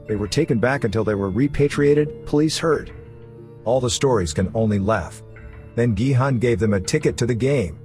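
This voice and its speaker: A man narrates a scripted story recap in a fairly low, darkish voice, with background music running behind him.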